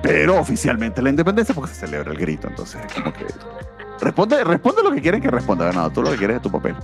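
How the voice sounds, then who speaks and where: A man co-hosting a casual comics podcast, rambling and filling pauses with hesitations. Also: medium pitch, wildly swooping pitch, music in the background. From not from Mexico, now naturalizing. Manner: rambling, many "este" fillers. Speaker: podcast co-host. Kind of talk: casual chat about comics.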